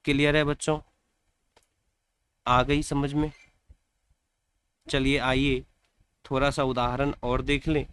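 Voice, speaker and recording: Slow-talking male teacher. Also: mid-range voice, level tone, a bit bright, clear, resonant tone. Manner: repeats words and asks the children questions. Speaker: English teacher. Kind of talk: classroom grammar lesson.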